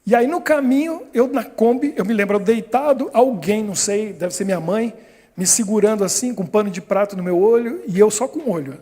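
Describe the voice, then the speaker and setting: A man's voice: high-pitched, a little fast, mellow, breathy edge, in a large hall. A man in his fifties with a Brazilian Portuguese accent, a pastor telling a personal story in a sermon, acting out voices and laughing often. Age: 50s. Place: church hall.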